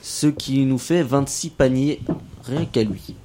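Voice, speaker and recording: A man hosting a casual local radio show, playful and self-mocking, gently drawing out the young guests. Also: mid-range voice, slow pace, background noise. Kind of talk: casual radio chat with children.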